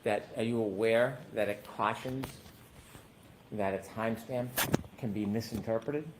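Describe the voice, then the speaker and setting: A man's voice: on the low side, a little slow, noisy background. A man questioning a witness as an attorney in a courtroom recording, asking probing questions with frequent hesitations.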